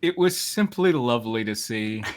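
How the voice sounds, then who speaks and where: A narrator reads fan fiction aloud to friends in a mock-dramatic style, her or his mid-range voice expressive and moderately paced. It's a comedic group reading, full of amused asides and frequent bursts of laughter.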